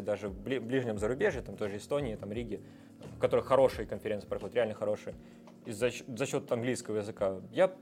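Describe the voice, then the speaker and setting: A software developer, appearing as a guest in a relaxed interview, explains technical ideas at length and hesitates often. His voice sits in the mid range and has a darkish tone.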